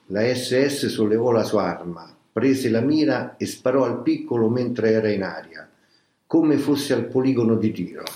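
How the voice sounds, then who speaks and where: A man reading a memoir aloud as scripted audiobook narration, in a slow, grave, measured way. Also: mid-range voice, warm tone. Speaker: reader of a memoir. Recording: roomy echo.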